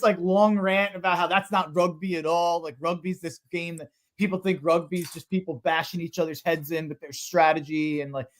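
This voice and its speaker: A man co-hosting a live sports stream who talks in a rambling, animated way and says "like" a lot. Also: a little high. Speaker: co-host. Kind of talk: casual sports chat.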